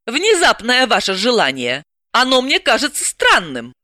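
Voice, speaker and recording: A woman's voice: a little high, huge pitch swings, moderate pace, pushed and bright, dry recording, studio quality, pitched above the performer's own voice, heavily acted. A woman reader voicing an indignant, ironic female psychoanalyst. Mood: wary. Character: exasperated sharp-tongued woman psychoanalyst.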